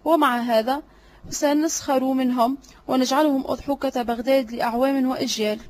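Lady reading a sly suck-up servant guy, sweet-talking, scheming, high voice. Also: fairly quick, close to an everyday voice. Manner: flattering, obsequious, sly. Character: cunning, flattering male servant. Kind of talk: audiobook drama reading.

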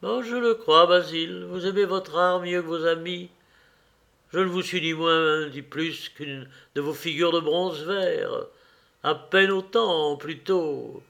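An anguished, vain young man, obsessed with staying young, pleads in a high, impassioned, theatrical voice, as a male audiobook reader puts him on. His slow delivery carries a gravelly edge. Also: pushed and bright, full character voice.

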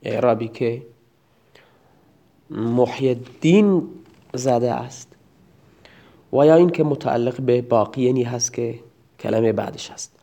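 A man's voice: medium pitch, vocal fry, long pauses, warm tone. A man teaching a recorded grammar lesson, explaining each word in turn and sometimes reciting verse in a chanting lilt.

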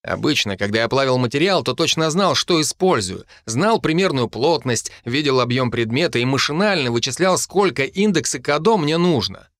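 A man's voice: medium pitch, lively intonation, moderate pace, few pauses, fairly bright tone, dry recording. Male audiobook narrator, dry close recording. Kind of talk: scripted first-person audiobook narration.

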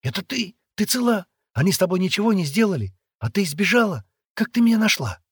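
A man reads aloud, voicing a hot-headed, loyal young boy held captive who blurts and hisses in agitation. His voice, pitched above his natural one, is a little high with big pitch swings, a breathy edge, and normal speed. The recording is dry and studio quality, and the mood is agitated.

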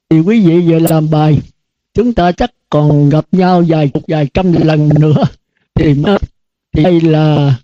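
High-voiced older monk teaching earnestly. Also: male voice, mellow, no echo. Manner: earnest, repetitive teaching cadence with rhetorical questions. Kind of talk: dharma talk to students. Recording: dull lo-fi dry recording.

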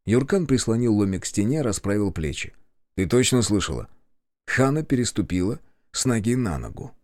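A man narrating a horror audiobook in an expressive, suspenseful manner. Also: fairly low pitch, fairly quick, no echo, clean studio sound.

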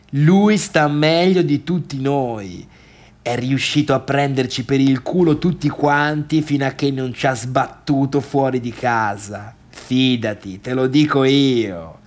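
An actor with a natural, mid-range voice delivers a colloquial Italian theatrical monologue as a self-deluded misfit remembering a wild party. The character is mocking and agitated, and the slow, insistent delivery is conversational and emphatic, with repetition and chuckling asides.

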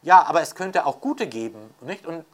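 In an interview, a man who comments on media theory speaks off the cuff with strong opinions and real emphasis, repeating points to hammer them home. His voice runs fairly high, expressive, at a moderate pace.

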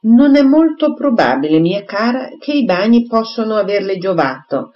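A man's voice: sits high, very animated, normal speed, pitched above the performer's own voice. A reader voicing a fretful, doting elderly father in an audiobook, fussing in a raised voice. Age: older. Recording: slightly muffled recording.

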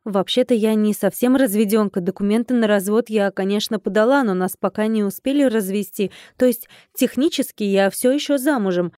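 A woman's voice: medium pitch, a little fast, few pauses, warm tone, no echo, clean studio sound. A young woman reading a first-person audiobook with a wry, conversational inner-monologue manner. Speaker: audiobook narrator.

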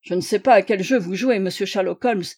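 A woman's voice: lowish voice, animated, normal speed, dark tone. A woman voicing an impatient, skeptical male police inspector in an audiobook, speaking curtly. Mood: irritated. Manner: curt, irritated. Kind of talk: audiobook character reading.

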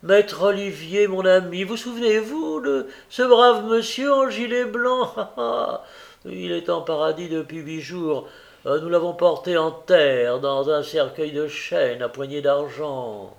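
A man reading aloud takes on a sentimental, stammering parish beadle. The voice climbs high and drags, fawning and pompous, from a storybook. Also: takes it slowly, gravelly. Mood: gushing.

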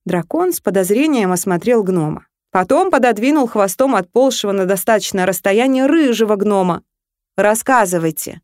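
A woman narrating a humorous fantasy story in a lively, playful way. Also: mid-range voice, fairly quick, hardly any pauses, dry recording, clean studio sound.

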